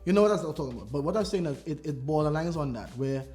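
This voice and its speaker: A man co-hosting a casual podcast, animated and laughing as he retells stories. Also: on the high side, racing, soft background music. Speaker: podcast co-host.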